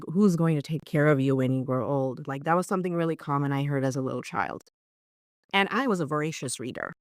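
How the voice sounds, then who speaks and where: A woman's voice: low voice, clear, resonant tone, no echo, studio quality. A woman from Bangladesh, a corporate lawyer, telling her story earnestly as a podcast guest. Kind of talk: podcast interview.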